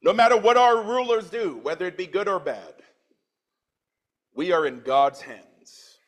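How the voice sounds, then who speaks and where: A man's voice: high-pitched, animated, a little slow. A man in his forties from Trinidad, preaching a sermon in church, reading scripture with swelling emphasis and dropping into plain conversational asides. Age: 40s.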